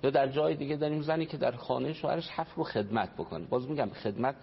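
A man's voice: mid-range voice, gravelly. A man giving an earnest religious talk on family life as a radio guest, explaining and quoting traditions. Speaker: family counselor. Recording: dull radio broadcast, faint noise.

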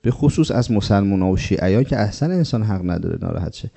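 A man's voice: on the low side, animated, creaky, dark tone, slightly rough. A man preaching a religious sermon, emphatic and rhetorical, acting out quoted speech.

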